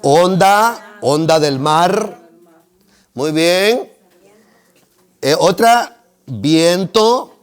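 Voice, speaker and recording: High-voiced, slow-speaking male teacher. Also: animated, smooth. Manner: joking, asks the class questions. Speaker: homiletics teacher. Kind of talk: seminary workshop lecture.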